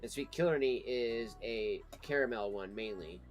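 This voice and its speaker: A man's voice: medium pitch, normal speed, faint music behind. A man hosting a casual livestream, chatting informally and in a rambling way, as if to friends. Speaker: livestream host reviewing pipe tobacco.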